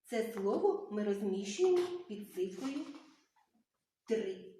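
A woman teaching young children, asking questions and praising them in a slow, sing-song teacherly way. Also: medium pitch, very animated, warm tone, a little hiss or hum. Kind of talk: children's literacy lesson. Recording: very echoey room.

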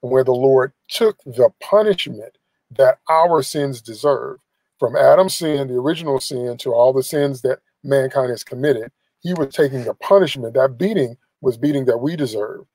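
A middle-aged man preaches an emphatic sermon, live-streamed from inside a car, with his phone held at arm's length. His voice sits at a middle pitch, and the sound is dry and close with no room echo. He drives his points home by repeating phrases. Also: moderate pace, a little mellow. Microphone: phone camera at arm's length.

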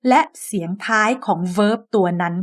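A woman teaching English pronunciation in a slow, deliberate lesson, modelling each sound clearly and repeating words for the listener to copy. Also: medium pitch.

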